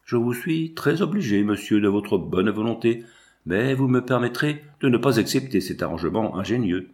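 A man's voice: mid-range voice, expressive, moderate pace, darkish tone, natural voice. A man reading the lines of a haughty, proud young woman in a storybook, with a dry, curt, ironic delivery.

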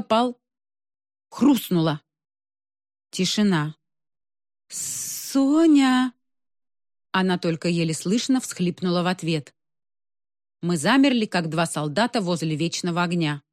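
A woman reading a first-person audiobook in a lively, expressive storytelling manner. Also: fairly low pitch, no room sound, studio quality. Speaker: audiobook narrator.

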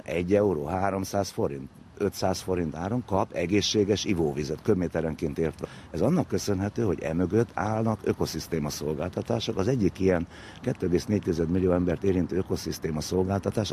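An expert interviewee with a deep, warm male voice explains things casually, much like an informal lecture, leaning on vivid comparisons. Faint background noise and ambience come through.

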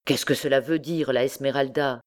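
A man's voice: mid-range voice, steady tone, moderate pace, natural voice. Woman voicing a grumbling indignant poet. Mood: exasperated. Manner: grumbling, indignant, theatrical complaints. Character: proud irritated male medieval poet, put-upon.

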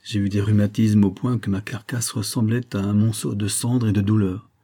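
A man voicing a sick, exhausted and vengeful male vagabond who speaks gruffly and bitterly. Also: on the low side, fairly even intonation, moderate pace, mellow.

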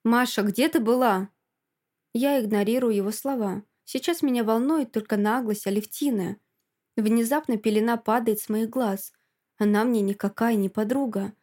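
A woman's voice: a little high, moderate pace, mellow. Woman narrating a first-person audiobook.

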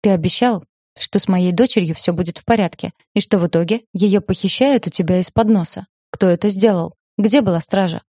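A woman's voice: medium pitch, brisk, warm tone, no echo, natural voice. Blustering middle-aged king, commanding, read by a woman. Dry, close. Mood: furious. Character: middle-aged king father, blustering but soft-hearted.

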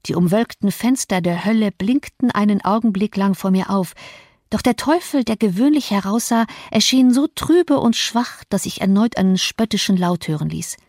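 A woman's voice: mid-range voice, dry recording, studio quality. Woman reading a classic novel aloud. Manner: measured, expressive reading with voiced quotes. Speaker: audiobook narrator. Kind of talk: literary audiobook reading.

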